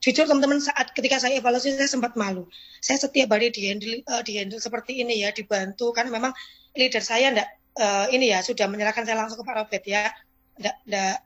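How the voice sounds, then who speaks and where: A woman gives a motivational testimony to fellow insurance agents in a chatty, conversational way. Her voice sits somewhat high. She keeps turning to address her listeners directly. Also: a bit bright. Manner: chatty, addresses audience often.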